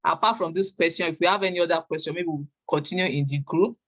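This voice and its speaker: A woman with a Nigerian accent, informally moderating questions in a hesitant, halting way. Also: fairly low pitch, fairly bright tone. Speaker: moderator of an online business meeting.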